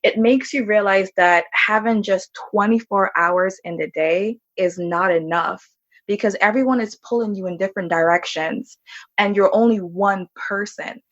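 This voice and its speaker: A young woman from Jamaica, a medical student guest, answering interview questions in a calm, measured way. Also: mid-range voice. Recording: dull lo-fi remote audio.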